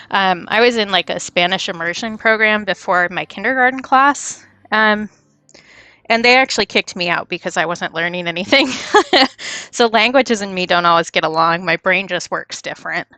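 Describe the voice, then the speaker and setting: Young woman streaming from home while drawing, kinda gravelly, dry close sound, rambles and trips over her words. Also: medium pitch, pushed and bright, dry recording. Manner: rambling, self-deprecating, stumbles over words. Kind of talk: casual livestream chat while drawing.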